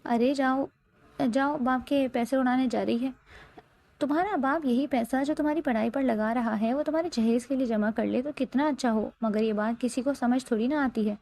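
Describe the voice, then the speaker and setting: A sneering, sarcastic stepmother from a spoken storybook, as a woman narrator puts her on. The voice is slightly high, with a gravelly edge. She pours out bitter taunts. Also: darkish tone. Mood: taunting.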